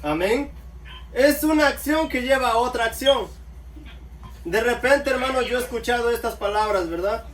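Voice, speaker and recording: A man's voice: very high voice, moderate pace. A man preaching a sermon, calling his listeners brothers and answering himself with amen. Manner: addresses listeners as brothers, calls out amen often. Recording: echoey room, mic far off, faint background noise.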